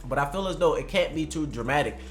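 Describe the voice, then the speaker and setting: A man's voice: a little high, lively intonation, quick pace, faint music behind. A man giving casual, unscripted preview commentary and predictions, talking in a slangy, conversational way and swearing freely. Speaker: anime commentary vlogger.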